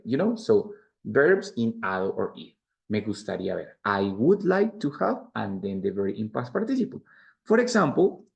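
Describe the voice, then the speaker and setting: A man's voice: fairly low pitch, creaky. A man in his forties with a Spanish accent, teaching an English grammar lesson and explaining each structure patiently, step by step, with repeated examples. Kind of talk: bilingual grammar lecture.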